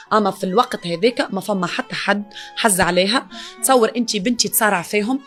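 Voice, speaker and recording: A distraught woman with a Tunisian accent, talking as a grieving mother in an interview. Her words pour out fast at a middling pitch, pleading and wounded. Soft music sits faintly underneath. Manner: distraught, pleading, grief-stricken. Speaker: mother of the victim. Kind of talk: emotional interview.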